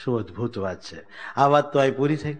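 A man telling a devotional story as a sermon, animated, raising his voice when he speaks for the characters. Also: brisk. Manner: animated storytelling, voicing characters with raised pitch. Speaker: religious storyteller.

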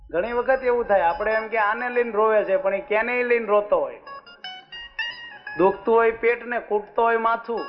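High-voiced storyteller man. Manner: lively, asks the audience "understood?". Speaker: religious storyteller. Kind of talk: folksy sermon storytelling. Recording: muffled with faint music.

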